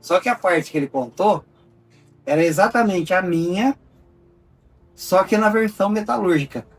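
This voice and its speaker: Animated Brazilian man telling a story. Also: moderate pace, distant mic, faint music behind. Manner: animated storyteller, acts out dialogue with big pitch swings; drops to a hushed low voice for dramatic moments. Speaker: founder of a rescue project, telling his story. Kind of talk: personal testimony in casual conversation.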